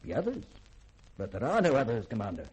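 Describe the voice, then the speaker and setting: In a 1950s radio drama, a male actor voices a learned, secretive middle-aged scientist, delivering formal, polished, theatrical lines with a husky edge. His mid-range voice swoops wildly in pitch at a quick pace, darkish in tone, fully in character. The mood is grave and ominous.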